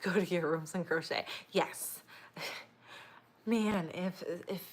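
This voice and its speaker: A woman's voice: lowish voice, slow, breathy edge. A young woman chatting casually while she crochets, rambling, laughing often and cooing at her dogs. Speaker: crochet vlogger.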